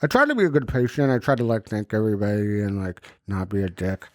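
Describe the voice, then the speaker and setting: A man's voice: on the low side, animated, fast talker, no echo. Casual male podcaster with swollen lip and splinted mouth, muffled diction, informal and sweary, dry recording. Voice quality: impeded, muffled articulation from a swollen numb lip and dental splints. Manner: loose, informal, frequent cursing. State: puffy swollen lip and banded jaw after surgery. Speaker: podcast host. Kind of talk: casual chat, recounting a personal experience.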